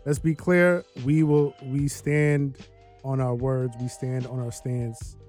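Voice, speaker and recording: A man's voice: medium pitch, little pitch movement, slow pace, darkish tone, faint music behind. An American man co-hosting a podcast in casual barbershop-style talk, slangy and opinionated in his ribbing, often checking for agreement. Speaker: podcast co-host.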